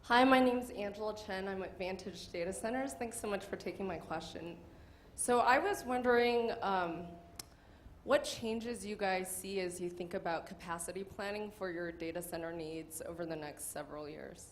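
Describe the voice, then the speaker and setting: A woman's voice: mid-range voice, normal speed, slight background noise. A woman in the audience politely asking a question of the panel. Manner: polite, friendly.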